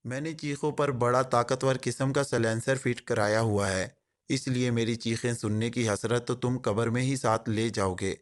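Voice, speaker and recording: A man's voice: mid-range voice, fairly even intonation, lightly acted. A man voicing a male secret agent who jokes mockingly, then speaks in a cold, hard tone. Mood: sarcastic. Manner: switches from joking patter to cold, hard tone.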